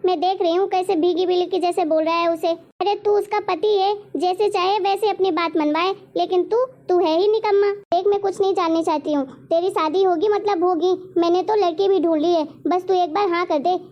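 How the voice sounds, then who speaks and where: A woman's voice: fairly even intonation, brisk, hardly any pauses, lo-fi sound. A woman voicing a harsh, scolding middle-aged mother-in-law in a cartoon story. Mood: contemptuous. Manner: scolding, bossy, shrill.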